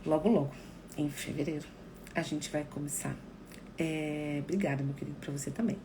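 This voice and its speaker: Gravelly-voiced woman psychologist. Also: sits low, normal speed, noisy background. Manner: expressive, acts out quoted remarks. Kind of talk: live-stream talk to viewers.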